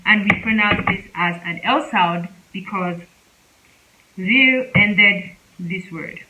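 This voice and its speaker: A woman teaching a casual spoken lesson, speaking slowly and repeating example words several times. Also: medium pitch, bright, forceful tone, lo-fi sound, a little hiss or hum. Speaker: Korean language teacher.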